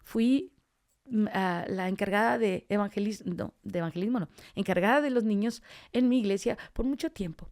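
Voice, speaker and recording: In a mid-range, darkish voice at a moderate pace, a woman who works as a street evangelist shares her personal testimony as a podcast guest. She tells it as a story, acting out the dialogue she remembers.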